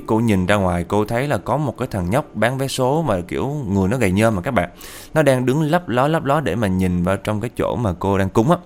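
Lower-voiced male storyteller, chatty, faint ambient noise. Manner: chatty, addresses listeners directly. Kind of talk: casual ghost-story narration.

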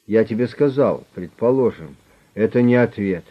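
A loud, blustering crime boss, all threats and snapping replies, as a male reader puts him on. His voice sits fairly low but climbs when he threatens. It comes through a dull, lo-fi recording. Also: expressive, normal speed. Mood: menacing.

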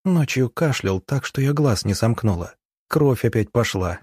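A man voicing a timid, earnest young female village nurse who talks in anxious, hurried pleas. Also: mid-range voice, lively intonation, darkish tone, husky, no echo, clean studio sound.

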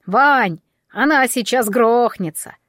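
A woman voicing a blunt, clever male warhorse with gruff, folksy old-fashioned speech, in an audiobook. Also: on the high side, takes it slowly, a bit bright, no echo, studio quality. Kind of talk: audiobook character voice.

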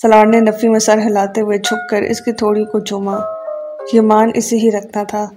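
A woman reading a novel aloud as an audiobook narrator, with calm, even storytelling and faint music behind. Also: mid-range voice.

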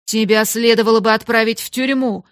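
A woman doing a furious shouting schoolmistress. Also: fairly high pitch, fairly even intonation, a little fast, no room sound, clean studio sound, lightly acted. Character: harsh shrill adult schoolmistress.

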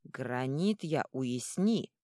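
A woman's voice: very deep voice, expressive, very slow, mellow, dry recording, clean studio sound, heavily acted. A woman putting on a growling, blunt troll warrior. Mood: gruff. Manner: growling, blunt short phrases. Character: gruff slow-witted male troll warrior.

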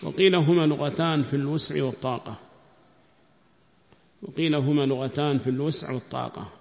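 A man teaching a hadith commentary lesson, repeating each phrase slowly for students to write down, reciting quoted text louder and higher. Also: creaky. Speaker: Islamic studies teacher. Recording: long hall reverb.

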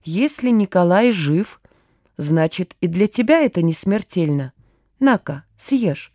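A woman's voice: fairly low pitch, lively intonation, measured pace, mellow, dry recording, studio quality. A woman voicing a sardonic bossy young woman. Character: sharp-tongued, stubborn young woman. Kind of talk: audiobook character voice.

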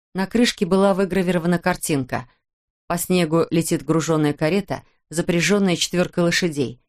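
A woman narrating an audiobook in an even, measured storytelling manner. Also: on the low side. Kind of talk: scripted narration.

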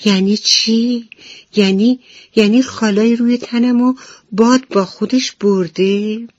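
A woman's voice: fairly even intonation, no echo, natural voice. A tiny frightened ladybug, as a woman puts her on. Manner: high, anxious questioning voice. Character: small frightened ladybug girl, timid and sweet. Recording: dull radio broadcast with soft music.

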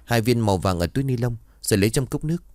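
A man's voice: mid-range voice, animated, very fast, a little mellow, dry recording, clean studio sound, lightly acted. A man voicing a soothing worried mother. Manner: soothing, anxious. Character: worried gentle young mother.

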